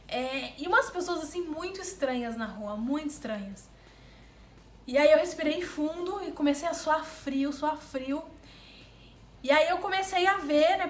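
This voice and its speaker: A woman vlogger from Brazil telling a travel mishap story to her viewers in a casual, animated way, often repeating words for emphasis. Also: high voice, reverberant, a little hiss or hum.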